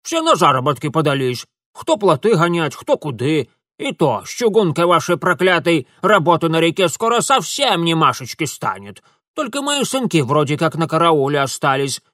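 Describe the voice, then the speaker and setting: A man voicing a shrill, bossy old village woman who scolds in rustic dialect in an audiobook. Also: very animated, normal speed, fairly bright tone, no room sound, studio quality. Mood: proud. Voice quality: shrill, screeching. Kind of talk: audiobook character voice.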